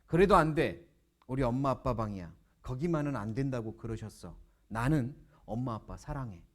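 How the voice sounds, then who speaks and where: A man's voice: mid-range voice, lively intonation, moderate pace, voice pushed down, lightly acted. A man voicing a firm, earnest young boy. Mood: insistent. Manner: firm, pleading insistence.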